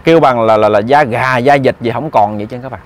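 A man's voice: medium pitch, fast talker. A man telling a ghost story in a chatty way, speaking directly to his listeners. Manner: chatty, addresses listeners directly, repeats words. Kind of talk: casual spoken storytelling.

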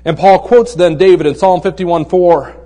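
High-voiced man preaching conversationally. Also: normal speed, in a large hall. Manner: asks rhetorical questions and drops to a hushed voice for emphasis; tells jokes in a relaxed storytelling way. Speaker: pastor. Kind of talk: conversational sermon.

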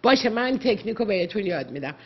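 A woman's voice: mid-range voice, very animated, highs cut off. A woman psychologist giving earnest, lecturing advice to callers on a radio call-in show, slipping English words into her talk.

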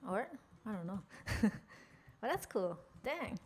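Her voice is mid-range and sing-song, slow, with a breathy edge. A young Norwegian game streamer with a Norwegian accent, she keeps up playful, chatty banter with viewers as she narrates her game character.

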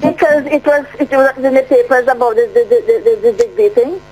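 A woman's voice: high-pitched, steady tone, a little mellow, breathy edge. Woman caller on a muffled underwater-sounding phone line. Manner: halting, repeats words, presses questions. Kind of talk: call-in radio question.

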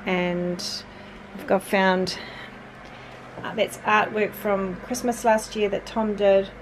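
Sorting through a bedroom indoors, a mother and vlogger in her forties narrates in an easygoing way, often turning to speak to her sons. Her mid-range voice stays steady and unhurried, full of fillers, over some background noise.

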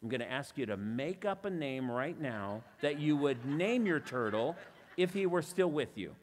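Before a live church audience, a man performs stage illusions with a volunteer, keeping up chatty, self-deprecating patter with playful asides. His mid-range voice is very animated at a moderate pace, and the sound has a long reverb tail.

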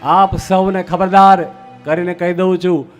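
A man's voice: high voice, flat delivery, a little slow, lo-fi sound, faint music behind. A young Gujarati man preaching a sermon from the dais, asking his listeners rhetorical questions and answering them himself. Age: young adult.

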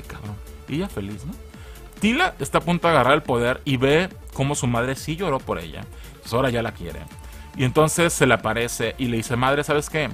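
A man with a Mexican accent reviewing a cartoon in loose, profane chat. His higher voice leaps around with lively swings, and its bright edge carries his frequent laughs. Faint music plays behind him. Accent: Mexican Spanish. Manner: profane and joking, laughing often. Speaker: video reviewer. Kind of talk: casual spoken review.

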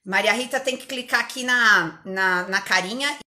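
A woman English teacher with an interior São Paulo accent, giving an energetic live online lesson and drilling words over and over. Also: mid-range voice, normal speed, roomy sound. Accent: interior São Paulo Portuguese.

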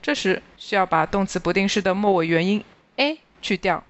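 Even-voiced teacher reading a grammar lesson, lo-fi. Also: mid-range voice. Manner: slow, even, careful reading of word lists. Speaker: language teacher. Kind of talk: scripted grammar lesson narration.

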